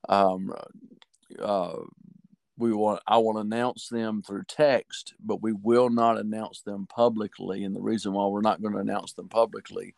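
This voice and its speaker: Low-voiced male podcast co-host, earnest and casual, dry close sound. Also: flat delivery, a little slow, creaky, darkish tone, no room sound. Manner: earnest, loose, many fillers. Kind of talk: casual faith chat.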